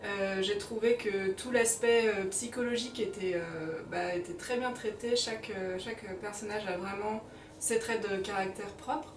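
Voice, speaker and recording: A woman's voice: medium pitch, fairly even intonation, moderate pace, distant mic. A woman guest chatting casually about a film, hesitant and searching for words. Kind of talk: casual chat. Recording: roomy, off-mic, faint noise.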